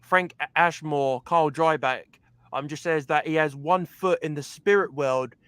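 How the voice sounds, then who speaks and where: Eager fan host, smooth dry voice. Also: male voice, fairly high pitch, measured pace, fairly bright tone, no room sound. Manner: eager, filler-heavy fan talk. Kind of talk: casual interview talk.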